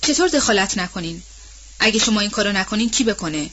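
A woman's voice: medium pitch, expressive, a bit bright, husky, lo-fi sound. A woman reading aloud and voicing an older female house servant who is anxious and guilt-ridden and speaks in a plain, colloquial way. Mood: troubled. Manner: plain-spoken, colloquial storytelling.

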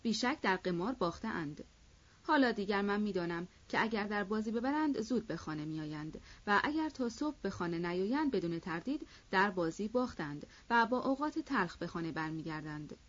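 A woman's voice: medium pitch, lively intonation, dull audio, lightly acted. A woman voicing a sly, chatty male servant in an audiobook, speaking in a knowing, matter-of-fact way. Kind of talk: audiobook character voice.

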